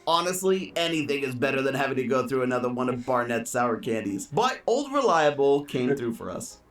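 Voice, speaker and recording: Male food-challenge host, exaggerated and very animated delivery, narration plus banter, roomy distant sound. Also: medium pitch, brisk. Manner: theatrical, exaggerated. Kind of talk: scripted narration mixed with excited on-set banter.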